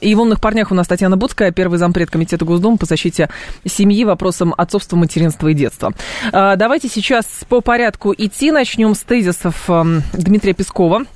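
A woman hosting live radio news talk in a studio, speaking briskly with frequent filler sounds between points. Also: medium pitch, a little mellow. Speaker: radio host. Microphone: studio microphone.

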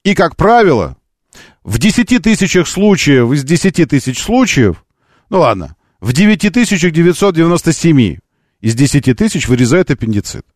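A man's voice: a little high, very animated, fairly quick, darkish tone, no room sound, clean studio sound. A man hosting a live call-in radio show, arguing insistently and repeating phrases for emphasis. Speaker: radio talk show host.

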